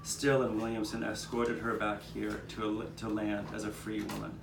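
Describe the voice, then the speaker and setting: A man with a low voice narrates a live puppet show in an outdoor courtyard, recounting local history in the first person as though he witnessed it. His storyteller's address to onlookers is completely flat and moderately paced, and the recording is distant and roomy, with clear background noise.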